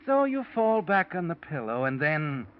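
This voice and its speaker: A man's voice: fairly high pitch, big pitch swings, normal speed, slight background noise. A man voicing a mysterious narrator who speaks ominously to the guilty in a 1940s radio drama. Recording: dull old radio broadcast with music.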